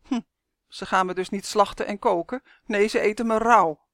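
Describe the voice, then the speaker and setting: A woman's voice: mid-range voice, moderate pace, a bit bright, dry recording, studio quality, natural voice. A woman voicing a young boy turned into a turtle, worried and pleading, in a storybook reading. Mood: gloomy.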